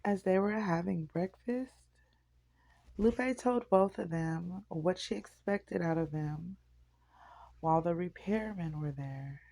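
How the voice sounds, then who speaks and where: A woman reads a novel aloud at an unhurried pace. Her voice carries a heavy gravelly rasp. The reading is unpolished, with slips and rereads. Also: on the low side, dark tone, rough recording. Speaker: audiobook narrator.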